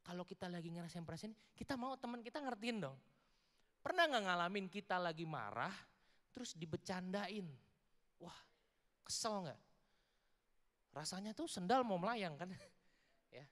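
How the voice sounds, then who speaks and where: A man preaches to a youth crowd in a casual, playful way, tossing questions at the listeners and slipping in English words. His voice sits a little high, and a long hall reverb trails after every phrase. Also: expressive, moderate pace, long pauses, a bit bright. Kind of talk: casual youth sermon with audience interaction. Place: large church hall before a youth audience.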